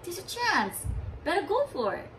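A woman's voice: very high-pitched, huge pitch swings, normal speed, a bit bright, recorded from a distance, a little hiss or hum, voice pushed up, heavily acted, poor audio. A woman voicing a friendly, laid-back male food vendor with magic, speaking Hawaiian Pidgin in a joking, easygoing way.

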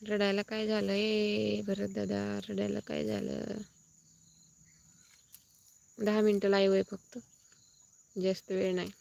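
A woman's voice: mid-range voice, monotone, slow, gravelly, pauses often, darkish tone. A woman hosting a casual live stream outdoors in a farm field, chatting with viewers and thanking them for comments as she heads home. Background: crickets and insects outdoors.

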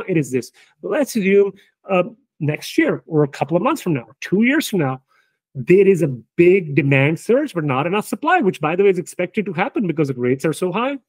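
A man, the company's founder, talking through business results in an emphatic, animated way, often checking in with "right?". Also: high-pitched, husky, no room sound. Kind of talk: casual business discussion.

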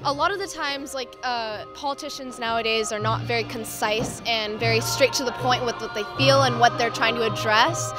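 Woman, 20s, conversational voter interview, higher-pitched, music underneath. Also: moderate pace, few pauses. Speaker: rally attendee being interviewed. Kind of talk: casual interview answer. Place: outdoors near an event stage.

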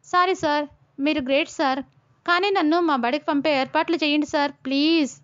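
A woman doing a pleading schoolboy, high and earnest. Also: steady tone, a little fast, fairly bright tone. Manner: pleading, insistent. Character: pleading schoolboy arguing with gods. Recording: dull lo-fi recording.

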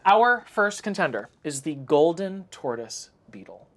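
A man's voice: a little high, very animated, measured pace. A young man hosting a comedy show with a campy, sassy drag-queen style of delivery and playful banter. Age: young adult. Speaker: host of a comedy talk show. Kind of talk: playful scripted intro and banter. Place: indoor studio set.

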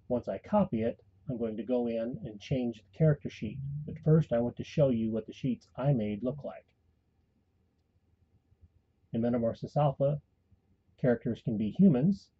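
A man calmly giving a step-by-step voice-over tutorial for a tabletop game tool. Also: mid-range voice, slightly rough, dull audio. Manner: calm step-by-step instruction. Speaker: tutorial host and game master. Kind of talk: screen-recorded software tutorial.

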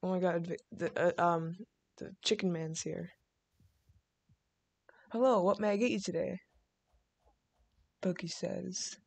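A woman's voice: fairly low pitch, steady tone, a little slow, creaky, pauses often, darkish tone, no room sound. A woman hosting a gaming video, chatting casually while running a game restaurant, with lots of fillers and laughter. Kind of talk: casual gameplay chat.

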